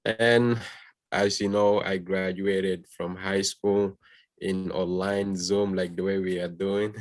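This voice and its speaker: A man's voice: deep voice, little pitch movement, slow pace, no room sound. A polite, composed young man from Gambia, introducing himself as a student guest on a video call. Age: young adult.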